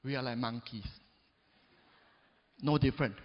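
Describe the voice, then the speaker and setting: An unhurried man in his forties, a motivational speaker, addresses an audience emphatically, moving between booming rises and low drops. He sprinkles in "right?" and "yes or no?" to engage the crowd. It's a dull recording in a big hall full of reverb.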